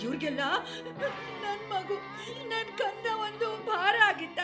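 A woman's voice: very high-pitched, animated, takes it slowly, exaggerated voice. A woman voicing a grieving young woman whose baby was killed, sobbing and lamenting in a radio drama. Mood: wailing grief. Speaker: daughter Malti. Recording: radio drama with background music.

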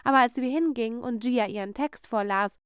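High, smooth-voiced woman narrator. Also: brisk, no room sound, studio quality. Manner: expressive storytelling. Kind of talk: scripted first-person narration.

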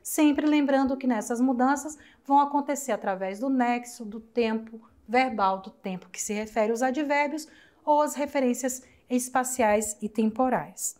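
A woman's voice: sits high, a little mellow. A young adult woman with a Brazilian Portuguese accent, a teacher explaining a recorded lesson in a chatty, affectionate way, asking questions and answering them herself. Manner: spells out words slowly syllable by syllable. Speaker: Spanish teacher. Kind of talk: recorded online class explanation.

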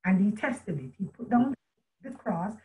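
In a mid-range, mellow voice that is animated yet a little slow, a middle-aged author recounts a personal story as a video call guest. She is earnest and reflective, frequently restarting her sentences and using quoted speech. Her webcam captures her in a room at home with a chandelier.

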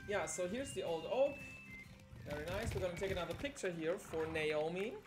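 A young woman whose first language is German chats animatedly through a live speedrun, using many fillers and talking a little fast in a fairly low voice. She's in an indoor room at a live event, with game music in the background.

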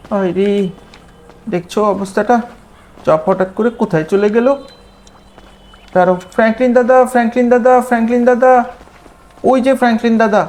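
A man puts on a mischievous little cartoon boy with a fairly high, childish voice, excitable and full of cheek. He keeps calling out to friends and pets in playful game commentary, over a faint hiss of background noise. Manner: childish, excitable, calls out repeatedly. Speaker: gameplay creator.

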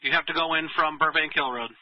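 This fire dispatcher speaks fast in a fairly even, highish voice, the transmission cutting off the highs. Over emergency radio he delivers formal, clipped procedural calls and read-backs of units.

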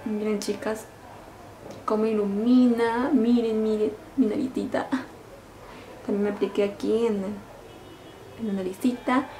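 A middle-aged woman vlogger demonstrating makeup in a casual, excited, gushing way, full of fond little diminutives. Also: mid-range voice, unhurried, pauses often, a little hiss or hum. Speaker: beauty vlogger. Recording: echoey room.

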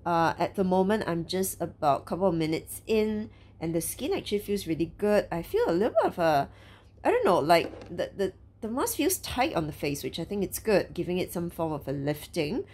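A young woman reviewing skincare while wearing a sheet face mask, chatting casually and pausing to search for words. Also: lowish voice, darkish tone. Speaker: beauty reviewer.

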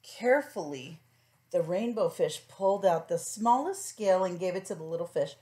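Speaking at a moderate pace with a lowish voice and lively intonation, this middle-aged woman reads a children's story aloud as a preschool teacher, adding gentle questions for the kids listening.

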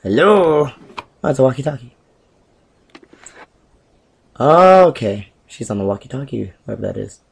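A young man talks over his gameplay in a chatty, excitable way, full of fillers and stray thoughts. His voice is slightly husky and swings widely up and down in pitch. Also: normal speed, pauses often. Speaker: gameplay commentator. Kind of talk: casual let's-play commentary.

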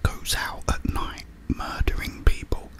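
Whispering man eating crunchy fried chicken. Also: unhurried. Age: middle-aged. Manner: hesitant, rambling. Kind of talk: whispered ASMR mukbang ramble. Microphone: close desk microphone with foam windscreen.

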